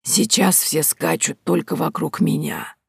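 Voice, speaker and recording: A woman reader voicing a frail, bedridden old woman who speaks weakly, slowly and half in a whisper. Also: deep voice, big pitch swings, gravelly, husky, dry recording, studio quality, exaggerated voice. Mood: doubtful, weary. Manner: weak, slow, half-whispered. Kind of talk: audiobook character voice.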